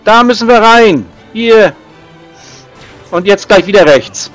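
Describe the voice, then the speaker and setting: Man co-player, upper-range voice, animated, banter over a game with faint music behind. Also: high voice. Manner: lively, shouts out directions in rapid repeats. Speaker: let's play co-player. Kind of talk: casual gaming banter.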